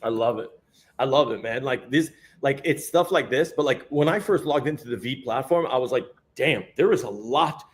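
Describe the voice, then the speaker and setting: Animated, excitable man co-host. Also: mid-range voice, moderate pace. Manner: animated, swears casually, laughs a lot. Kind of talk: casual video podcast chat.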